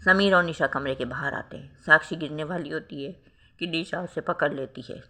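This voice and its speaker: A storyteller reads aloud a romantic drama of their own writing, giving every role a melodramatic voice. The delivery is medium-pitched, at normal speed, with a bright, forceful tone.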